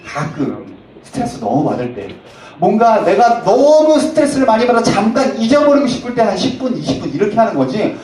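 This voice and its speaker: A man preaching a sermon to middle schoolers as a youth pastor, with sudden loud emphatic rises. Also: sits high, wildly swooping pitch, fairly quick, hardly any pauses. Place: church sanctuary. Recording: echoey hall from a distance.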